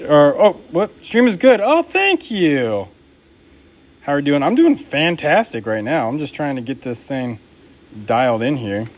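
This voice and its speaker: A young man chats with his live-stream viewers in an easygoing, upbeat way as he works at his knife bench. His voice sits in a middle pitch, relaxed and friendly, with plenty of offhand slang. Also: a little hiss or hum. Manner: upbeat, laid-back, talks to chat while crafting. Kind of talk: casual live-stream chat while working.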